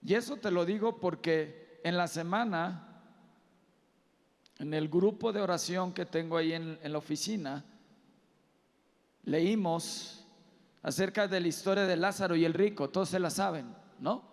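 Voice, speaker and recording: A man with a high-sitting voice preaches a sermon earnestly in a large auditorium, speaking at a measured pace with frequent pauses. He puts direct questions to the parents in the audience, and the recording carries live hall reverb.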